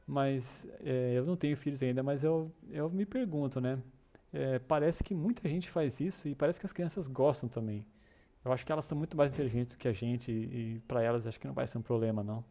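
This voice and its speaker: Encouraging and chatty, this man leads a relaxed live-stream English lesson for a developer community while responding to chat comments. His mellow voice sits at medium pitch, and he often restarts and drops in filler tags.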